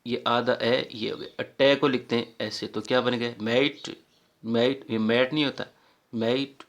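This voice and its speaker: A man's voice: medium pitch, a bit bright. A man teaching a casual phonetics lesson, patiently explaining and repeating vowel sounds aloud.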